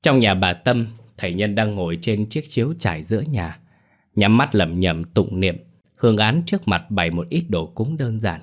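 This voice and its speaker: A man narrating a ghost story in a measured, dramatic storytelling manner. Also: on the low side, lively intonation.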